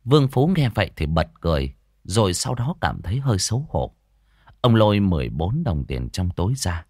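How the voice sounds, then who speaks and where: Lively low-voiced male storyteller. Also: a little fast, slightly rough, no echo, studio quality. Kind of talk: ghost story narration.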